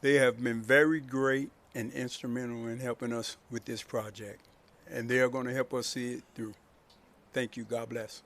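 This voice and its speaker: A man who leads his village, speaking off the cuff at an outdoor podium, halting and choked up with emotion, pausing often on "uh". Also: mid-range voice, little pitch movement, a bit bright. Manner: halting, full of "uh" pauses. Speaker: village president. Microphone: podium microphone.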